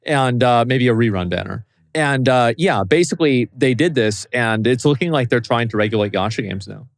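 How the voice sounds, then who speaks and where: A man's voice: mid-range voice, normal speed, vocal fry. A man co-hosting a podcast, chatting casually and loosely, swearing often and leaning on fillers. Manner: laid-back, swears a lot, many fillers. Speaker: podcast co-host. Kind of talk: casual chat.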